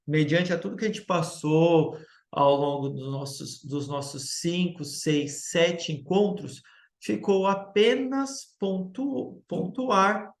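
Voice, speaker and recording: A male teacher giving a recorded grammar lecture, explaining step by step and checking in with the class through quick tag questions. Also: a little high, fairly bright tone, roomy sound.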